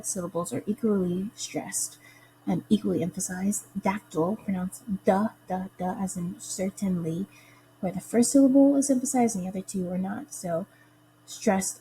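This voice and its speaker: A young woman giving a careful explanatory lesson as a student presenter, slowing down to sound out stress patterns. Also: mid-range voice, warm tone, slight background noise, poor audio.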